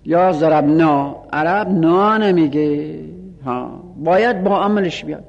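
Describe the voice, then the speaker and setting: A man teaching Arabic grammar in a seminary-style lesson, repeating each rule slowly and reciting Arabic phrases and pronoun lists. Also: fairly high pitch, gravelly, in a large hall, highs cut off.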